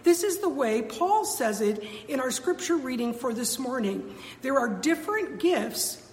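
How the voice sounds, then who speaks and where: A woman's voice: high voice, lively intonation, unhurried. An American woman pastor delivering a sermon, her voice echoing through a large church sanctuary. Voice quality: echoing in a long cathedral-like reverb. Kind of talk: sermon, addressing a congregation. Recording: long church reverb, clear background noise.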